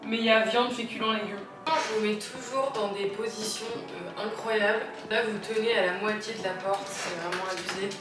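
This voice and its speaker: A young French woman in her twenties talks to the camera in a chatty, casual way and drops English words into her talk. Her voice sits at an ordinary pitch and is recorded on a handheld camera mic. The home room sounds roomy, with music playing clearly behind her. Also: fairly even intonation, normal speed, few pauses. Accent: French (France). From France. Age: 20s. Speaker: vlogger. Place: home interior, kitchen.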